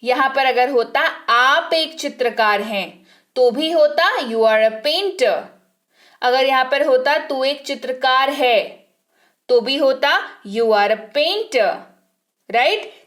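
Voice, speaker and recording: Slow, careful woman teaching English. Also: high-pitched, animated, fairly bright tone. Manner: says each English example very slowly and clearly, twice. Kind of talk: vocabulary lesson with slow spoken examples.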